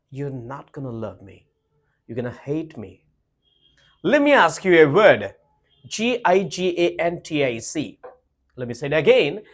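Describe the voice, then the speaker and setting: A man gives a pronunciation lesson. He is emphatic and repeats himself. He keeps asking the listener questions, and his pitch rises and falls in a lively way. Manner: emphatic, repeats points, asks rhetorical questions. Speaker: English teacher. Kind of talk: spoken English lesson to camera.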